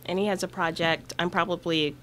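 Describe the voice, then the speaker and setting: A woman's voice: lowish voice, steady tone, brisk, a bit bright, slight background noise. A woman guest musician talking casually in a radio interview, chatty, with lots of fillers. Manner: chatty, laughs often, many fillers. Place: radio studio.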